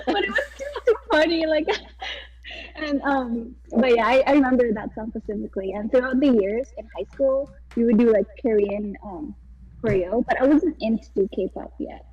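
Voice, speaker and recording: A young woman from Thailand tells a story in a casual podcast chat, rambling and giggly with plenty of ums. Her voice sits a little high and husky. The recording is dull and sounds as if the mic is some distance away. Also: expressive, moderate pace, a little mellow. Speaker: podcast co-host.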